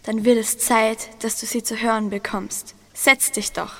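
A woman's voice: a little high, flat delivery, unhurried, big-room sound, slight background noise. A teenage girl voicing a grave male village innkeeper who tells an ominous tale in a school radio play. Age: teens. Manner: storytelling, ominous.

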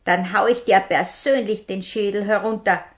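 A woman's voice: mid-range voice, steady tone, moderate pace, lightly acted. A woman voicing a sickly, cruel little male robber chief with a thin piping voice who hisses commands. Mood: snappish. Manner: hissing, snapping commands.

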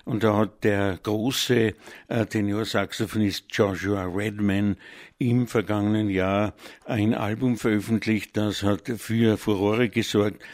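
A man's voice: lowish voice, fairly even intonation, a little slow, darkish tone, dry recording, studio quality. A man presenting a live music radio show, speaking off the cuff with a slightly congested nose, hesitant and digressive, often correcting himself. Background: music playing under the voice.

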